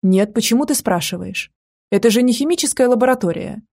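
A woman reading an audiobook, voicing a gentle French man who speaks slowly and tenderly. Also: fairly high pitch, animated. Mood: soothing.

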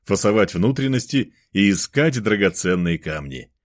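A man's voice: lowish voice, lively intonation, moderate pace, no room sound, studio quality, lightly acted. A man voicing a confident middle-aged man who sounds satisfied and matter-of-fact, in an audiobook. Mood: pleased.

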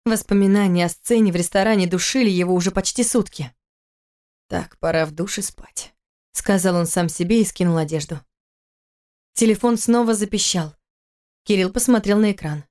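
A woman narrating a novel in a steady, measured reading. Her voice sits in a middle range, and she keeps to an unhurried audiobook delivery. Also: medium pitch. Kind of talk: scripted narration.

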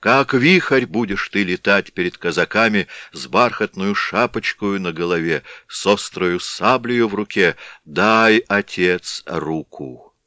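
A proud, fierce Cossack warrior speaks sternly and loudly, as a man acts him out. His deep, low voice carries commanding force and sounds dry and close. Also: a little slow, few pauses, dry recording. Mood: tender.

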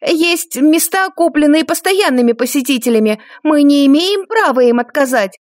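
Woman doing a weary brothel madam, high nervous voice, deferential, dry close audiobook sound. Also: lively intonation, moderate pace, no room sound. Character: tired, heavily made-up brothel madam.

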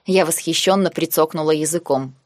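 A woman reading a first-person novel aloud in a wry, measured storytelling manner. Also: low voice, no room sound, clean studio sound. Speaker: audiobook narrator. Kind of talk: scripted first-person narration.

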